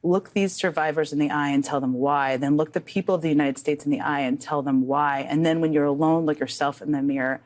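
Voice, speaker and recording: A woman news anchor narrating a report and interviewing guests, emotional and halting at times. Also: deep voice, steady tone, darkish tone. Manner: emotional, halting with repeated starts.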